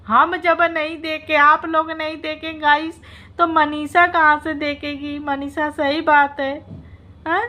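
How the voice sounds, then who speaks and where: A woman's voice: high-pitched, level tone, slow pace, sharp tone. A woman vlogger in a casual reaction video, teasing and mocking, often breaking into laughter and mock-dramatic wailing.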